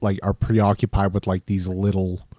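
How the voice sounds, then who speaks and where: A man with a fairly low, warm voice talks animatedly on a podcast, slipping into voices for the people he describes. His voice sits dry and close on the mic. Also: moderate pace, no echo. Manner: animated, acts out voices in quotes. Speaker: podcast co-host. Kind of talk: casual chat.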